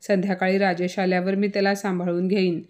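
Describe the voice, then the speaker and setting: A woman voicing a calm older father-in-law who soothes his daughter-in-law in a storybook tale. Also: medium pitch, fairly quick, natural voice. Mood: soothing.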